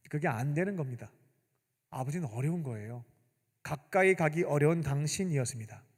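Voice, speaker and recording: A man's voice: fairly high pitch, fairly bright tone. A male youth pastor preaching a sermon, telling the story and acting out the characters. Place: church sanctuary. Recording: long church-hall reverb.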